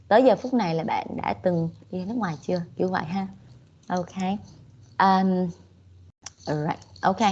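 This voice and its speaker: A woman's voice: on the low side, dark tone, highs cut off, a little hiss or hum. A woman with a Southern Vietnamese accent teaching an English class online, switching between English and Vietnamese with frequent "okay"s.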